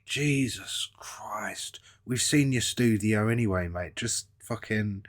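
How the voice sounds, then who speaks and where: A man's voice: on the low side, measured pace. A man doing sarcastic commentary on clips, swearing a lot and mocking what he watches. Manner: profane, mocking, lots of swearing. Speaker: commentary host reacting to clips.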